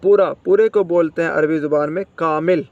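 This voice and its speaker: A man's voice: on the high side, fairly even intonation, brisk, a little mellow, no echo, highs cut off. A man teaching spoken Arabic vocabulary, repeating each word and quizzing the listener.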